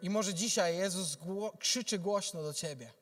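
High-voiced earnest male preacher. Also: normal speed, faint music behind. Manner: earnest, addresses listener directly; swings from soft and low to loud and impassioned. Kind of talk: sermon with Bible reading.

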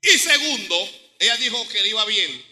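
High, bright-voiced man preaching. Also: normal speed, big-room sound, soft background music. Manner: animated preaching, acts out dialogue in quotes. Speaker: pastor. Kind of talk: sermon.

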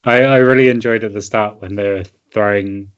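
A man's voice: fairly low pitch, fairly even intonation, moderate pace, clean tone. A man chatting casually and wryly about a film with friends, laughing as he talks. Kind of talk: casual chat. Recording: dull lo-fi recording.

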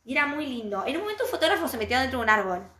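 A woman's voice: high-pitched, sing-song, very fast, sharp tone. A young woman with a Rioplatense Spanish accent, co-hosting a podcast in casual chat, chatty and self-deprecating. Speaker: podcast co-host. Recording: echoey room, faint noise.

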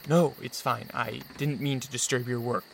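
A man's voice: medium pitch, fairly even intonation, normal speed, gravelly, fairly bright tone, a little hiss or hum. An actor playing a weary, centuries-old male vampire count, formal, subdued and hesitant, in a radio drama. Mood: polite, subdued.

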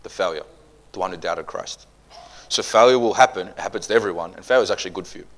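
Man, preacher, sermon, animated, joking, loud-to-quiet swings. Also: low voice, fast talker. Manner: animated and joking, jumping between loud bursts and quiet asides.

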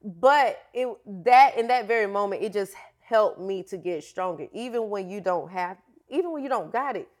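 A woman's voice: medium pitch, animated, normal speed, few pauses. A woman fitness instructor telling her story in a candid, slangy, casual interview.

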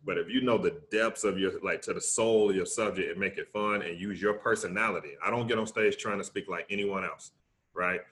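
A middle-aged man with a Southern US accent, talking casually and emphatically as a motivational interview guest, often checking his points with a quick tag question. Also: low-pitched, fairly even intonation, a bit bright. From Alabama, United States. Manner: emphatic, conversational, often tags points with "right?". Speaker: interview guest, public speaker.

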